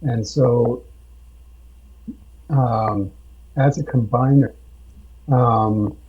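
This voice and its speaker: A man speaks slowly in a husky, dark voice, halting often as he recounts a tabletop game session. His audio is dull and lo-fi. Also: mid-range voice, steady tone. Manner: slow, halting with many fillers. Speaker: podcast guest, game master. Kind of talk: casual podcast storytelling. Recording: dull lo-fi sound.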